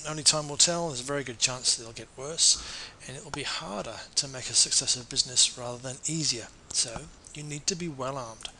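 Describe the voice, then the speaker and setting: Bright-voiced man making a sales pitch. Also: brisk, hardly any pauses, slight background noise, low-quality recording. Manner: earnest, persuasive, self-correcting. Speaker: marketing consultant.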